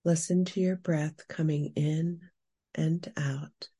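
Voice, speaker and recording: A woman speaks very slowly in a hushed, soothing spa manner, leading a guided meditation. Her voice is soft and breathy, with a mellow, relaxed tone and unhurried phrasing. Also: low voice. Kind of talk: slow scripted narration and guided meditation.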